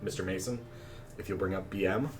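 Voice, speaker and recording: A man's voice: low voice, fairly even intonation, a little fast, close to an everyday voice. A man voicing a wry old woman who keeps an inn, speaking in a folksy drawl. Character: old one-eyed innkeeper woman, dry and wry. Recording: distant mic, faint background noise.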